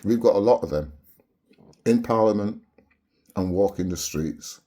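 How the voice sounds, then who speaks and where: Speaking a little slowly in a mellow, low-leaning voice, this Barbadian vlogger preaches passionately straight to the camera. He keeps tacking rhetorical "yeah?" onto his points.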